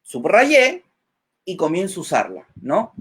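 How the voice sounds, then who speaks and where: A man's voice: high-pitched, wildly swooping pitch, measured pace, a bit bright, husky. A man giving public speaking advice as a webinar guest, checking in with "ok?" after nearly every point and acting out short example lines. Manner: acts out example lines in a changed voice.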